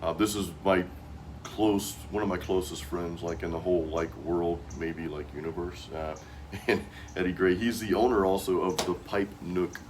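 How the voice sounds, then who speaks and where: A middle-aged American man hosts a casual chat in a very low voice. His talk is loose and slangy, and there is clear noise in the background. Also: fairly even intonation, normal speed. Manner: informal, peppered with "dude" and "man". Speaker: host.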